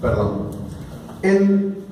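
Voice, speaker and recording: A Mexican man preaches in a high, unhurried voice and keeps asking his congregation questions. He sounds distant from the mic, with long echoes filling a church hall. A faint hum of room noise sits underneath. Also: big pitch swings, mellow. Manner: storytelling preacher who asks the congregation questions. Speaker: pastor. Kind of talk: sermon.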